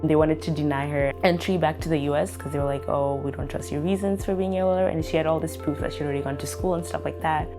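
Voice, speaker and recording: A woman's voice: deep voice, steady tone, fast, few pauses, over music. A young woman from Kenya, telling her story in a documentary interview, reflective and full of fillers. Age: young adult.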